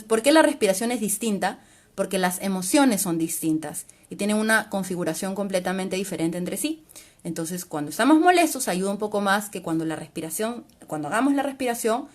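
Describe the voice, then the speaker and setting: A woman psychologist, giving an informal live-stream talk. She explains patiently and often closes phrases with a questioning tag. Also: mid-range voice. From Peru. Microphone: livestream mic.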